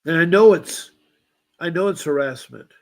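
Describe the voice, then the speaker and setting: A man in his seventies tells a long personal story in a rambling way, circling back with restarts and asides. He sounds aggrieved and insistent, and his voice sits slightly higher than most men's. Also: moderate pace. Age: 70s. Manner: aggrieved, insistent about injustice. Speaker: guest.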